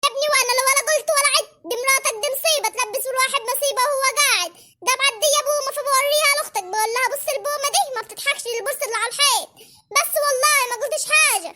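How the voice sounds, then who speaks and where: A voice actor playing a bickering old village mother-in-law, shrill and scolding in a cartoon. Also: rapid-fire. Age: older. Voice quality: squeaky, shrill. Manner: scolding, dramatic wailing. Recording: loud background noise.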